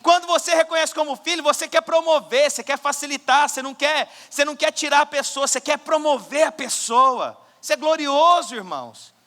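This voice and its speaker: A man preaching a sermon as pastor, swinging between loud exhortation and quiet asides. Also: very high voice. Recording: church hall with long reverb.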